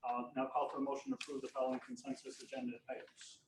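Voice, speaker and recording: A man chairing a school board meeting, briskly moving through the agenda. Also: medium pitch, big pitch swings. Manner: brisk, procedural. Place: meeting room. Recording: roomy, distant from the mic, faint noise.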